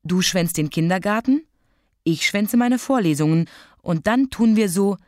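A woman's voice: medium pitch, measured pace, dry recording, studio quality, lightly acted. Woman as a patient, teasing mother. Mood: gentle. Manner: calm, matter-of-fact, gently teasing.

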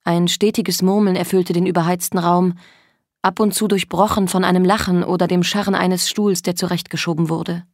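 A woman narrating a novel in a calm, measured storytelling voice. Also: lowish voice, no room sound, studio quality. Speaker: audiobook narrator. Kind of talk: scripted narration.

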